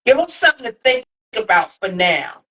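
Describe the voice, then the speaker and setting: A woman's voice: medium pitch, big pitch swings, normal speed, a crowd in the background. A woman hosting a podcast, playful and talking straight to her listeners. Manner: playful, addresses listeners directly, hypes the audience. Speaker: podcast host. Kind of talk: casual podcast conversation. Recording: dull lo-fi audio.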